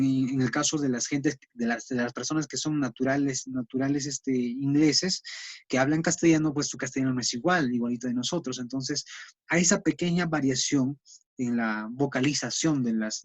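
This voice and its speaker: A man's voice: mid-range voice, no room sound. A man, teaching a recorded class lecture in an explanatory way, full of fillers and tag questions. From Peru.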